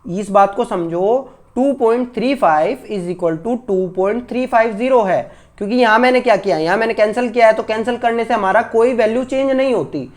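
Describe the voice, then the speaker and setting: A man's voice: sits high, a little fast. A male school teacher giving an online maths lesson to children, patient and repetitive, often checking that his pupils have understood. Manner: addresses pupils fondly as children. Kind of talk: online class lecture for children.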